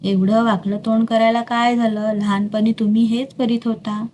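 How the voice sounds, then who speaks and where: A woman voicing an elderly royal grandmother in a spoken storybook, affectionate and gently scolding. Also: on the high side, little pitch movement, normal speed, a little hiss or hum, lightly acted. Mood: fond.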